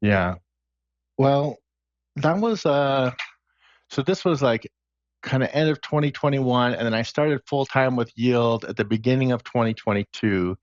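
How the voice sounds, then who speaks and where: A man's voice: mid-range voice, a little slow, dry recording, dull audio. A man chatting casually as a podcast guest, recounting his career path step by step. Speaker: podcast guest, smart contract engineer. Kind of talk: casual interview chat.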